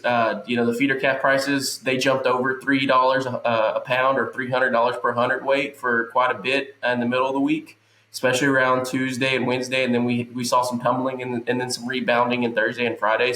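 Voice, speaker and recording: A man with a nasal voice from allergies, a guest economist giving a casual, measured rundown of cattle market prices with many fillers. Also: medium pitch, fairly bright tone. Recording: roomy echo.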